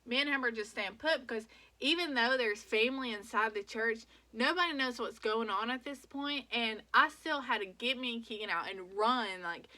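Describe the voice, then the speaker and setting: A woman in her twenties casually retelling a story to her viewers, animated and full of "like"s. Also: on the high side, moderate pace. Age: 20s. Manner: animated retelling with many "like"s and acted quotes. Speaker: vlogger.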